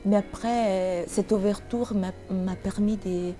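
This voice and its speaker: This novelist, a middle-aged Somali woman with Italian as her native tongue, has a mellow voice that holds a steady tone at medium pitch. Answering interview questions reflectively, she pauses and gropes for words in a language that isn't her first.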